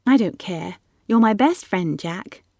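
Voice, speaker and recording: A woman voicing a lively, eager young girl from the gentry who chatters and coaxes. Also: mid-range voice, measured pace, gravelly, dry recording, clean studio sound. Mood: pleading. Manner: excited, chattering, coaxing.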